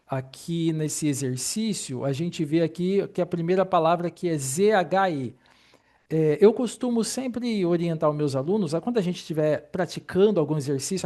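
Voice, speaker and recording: A man's voice: sits high, mellow. A man teaching Mandarin pronunciation in an online lesson, patiently explaining and repeating each sound.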